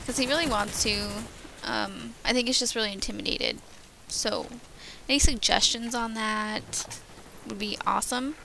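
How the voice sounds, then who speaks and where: A young woman giving casual gameplay commentary, rambling with lots of fillers and stumbling over her words, tired from lack of sleep. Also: fairly high pitch. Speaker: gaming commentator. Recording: noisy home recording.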